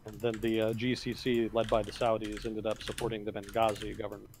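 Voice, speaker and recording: A man co-hosting a casual livestream, explaining world affairs in a measured way with fillers and self-corrections. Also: fairly low pitch, completely flat delivery, vocal fry, a little mellow, slight background noise. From United States.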